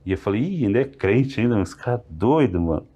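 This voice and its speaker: A man, a podcast guest telling a religious testimony in an animated way, acting out the dialogue. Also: lowish voice, fast, slightly rough. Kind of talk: testimony storytelling.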